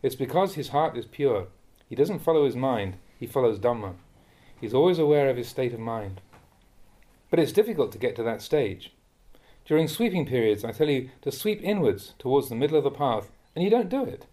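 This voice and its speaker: A man, a monk, reading a Dhamma talk aloud in a measured, admonishing way that rises sharply when he scolds. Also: mid-range voice, very animated, warm tone. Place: monastery.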